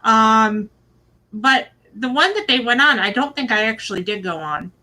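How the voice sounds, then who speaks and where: A woman's voice: a little high, expressive, moderate pace, sharp tone, faint music behind, poor audio. A woman from Michigan giving a chatty, rambling recap of a reality show, full of fillers and asides. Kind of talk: casual spoken recap. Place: at home with her husband nearby.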